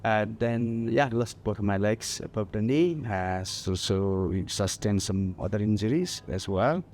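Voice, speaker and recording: Halting Nepali-accented man in interview. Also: on the low side, lively intonation, a little mellow, slight background noise. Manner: halting, many fillers, laughs lightly. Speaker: guest mountaineer. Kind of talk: festival stage interview.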